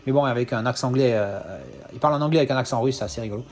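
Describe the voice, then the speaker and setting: This Frenchman in his thirties talks fast in a slightly mellow, mid-range voice, chatting loosely about his movie collection for an unscripted video. He stumbles, pauses, and corrects himself often.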